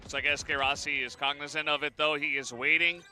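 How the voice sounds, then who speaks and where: A man working as an esports caster, giving conversational, excitable colour commentary on a live match. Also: fairly high pitch, a little fast, a little hiss or hum.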